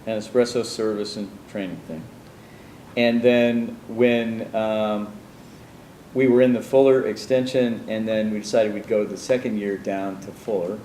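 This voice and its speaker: A man's voice: fairly low pitch, fairly even intonation, a little slow, dark tone, reverberant, a little hiss or hum, poor audio. A man telling his life story in an interview, rambling through asides and acting out the people he quotes. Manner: meandering, many restarts and asides, acts out quoted people.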